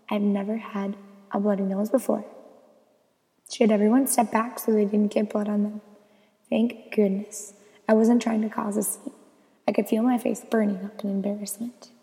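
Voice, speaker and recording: A young woman narrating a scripted personal story in an expressive, storytelling way. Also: mid-range voice, moderate pace, creaky, long reverb tail, rough recording. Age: young adult.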